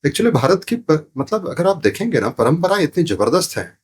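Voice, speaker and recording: A very animated man with a somewhat high, slightly mellow voice explains spirituality at normal speed as a podcast guest. He teaches sound therapy and talks didactically, with repeated phrases and rhetorical questions. There's a little hiss or hum in the audio.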